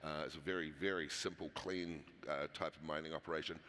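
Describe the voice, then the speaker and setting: With an extremely low pitch and a sharp tone, a founder from New Zealand answers conference interview questions fairly quickly and evenly. He's casual, frequently restarting and using fillers, and the hall gives a long reverb.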